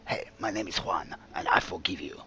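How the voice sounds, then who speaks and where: A man voicing a polite, forgiving gentleman with a French accent, as a comic bit over a game. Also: low-pitched, moderate pace, lo-fi sound, crowd noise, pitched below the performer's own voice, close to an everyday voice. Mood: courteous, forgiving.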